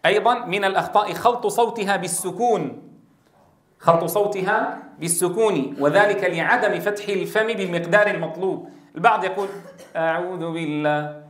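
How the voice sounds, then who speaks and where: A man teaching Quran recitation, explaining calmly and drawing out example sounds slowly. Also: high-pitched. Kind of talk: tajweed lesson with spoken pronunciation demos. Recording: roomy echo.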